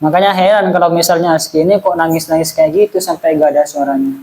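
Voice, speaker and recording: In poor audio, a man with a slightly high, darkish voice talks fast with fairly even intonation. He teaches an informal Islamic study class, chatting and quizzing his audience as a religious teacher.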